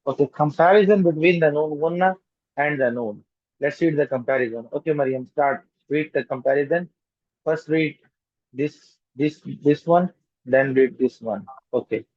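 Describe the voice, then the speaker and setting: A man's voice: on the high side, moderate pace, dry recording. A man teaching a children's language lesson, patiently repeating words and correcting pronunciation. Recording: dull lo-fi dry recording.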